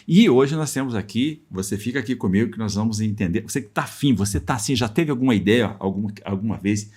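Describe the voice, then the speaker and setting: A man from Brazil hosting a podcast, chatty and energetic with frequent tag questions. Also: lowish voice, fast talker, slightly rough. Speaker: podcast host. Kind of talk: casual interview.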